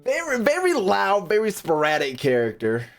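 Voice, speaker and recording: The gaming streamer here has a high-pitched voice with huge pitch swings, talking at a moderate pace. Reacting casually to his live chat, he uses slang, swears freely and repeats himself while working things out aloud.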